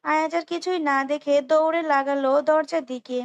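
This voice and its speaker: Woman, high voice, storyteller, unrehearsed reading, restarts and asides. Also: fairly even intonation, normal speed, vocal fry, lo-fi sound. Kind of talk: reading a romance novel aloud.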